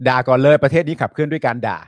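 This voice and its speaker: A man co-hosting a casual live stream, animated and teasing, reading out viewer comments and jumping into sudden excited bursts. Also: medium pitch, very fast, dry recording. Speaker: co-host.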